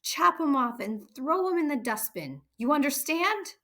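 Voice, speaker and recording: A towering, tyrannical headmistress from a children's story. She shouts at a high pitch, barking insults and commands with open contempt and menace. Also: very animated, unhurried, heavily acted. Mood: menacing, barking. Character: huge tyrannical bellowing headmistress, cruel and menacing.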